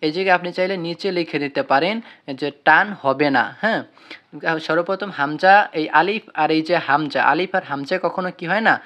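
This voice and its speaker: A Quran reading teacher giving an online lesson, stretching out letter names loudly and quizzing the listener with repeated questions. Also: mid-range voice. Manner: drawn-out, sung-out letter names in call-and-response drills. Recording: slightly dull, lo-fi audio.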